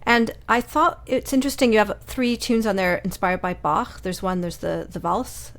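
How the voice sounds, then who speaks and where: Woman, interviewer, mid-pitched voice, curious questions. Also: fairly even intonation, moderate pace. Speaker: interview host.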